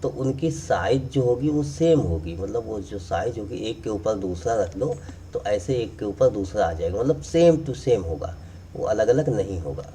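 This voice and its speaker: A man's voice: fairly low pitch, lively intonation, moderate pace, warm tone, far from the mic, slight background noise. A man teaching math, explaining step by step while drawing and repeating key points. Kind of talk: classroom explanation.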